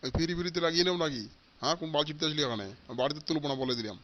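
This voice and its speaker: A man voicing a stingy, foul-mouthed old father in a comic cartoon, shouting and cursing at his family. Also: fairly high pitch, lively intonation, rapid-fire, very noisy, lightly acted. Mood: angry. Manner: shouting, cursing, repeating threats.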